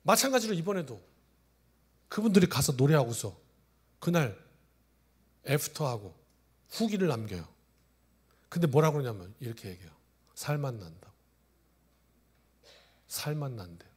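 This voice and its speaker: A male pastor in his forties preaching a sermon, telling stories, swinging from loud exclamations to hushed asides. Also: medium pitch, sing-song, moderate pace, pauses often, slightly rough. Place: church sanctuary.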